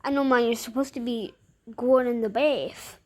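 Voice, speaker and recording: A woman's voice: a little high, fairly even intonation, moderate pace. A woman reading a picture book aloud, breaking off often for playful, chatty asides about the pictures. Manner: playful, chatty commentary between lines. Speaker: storybook reader.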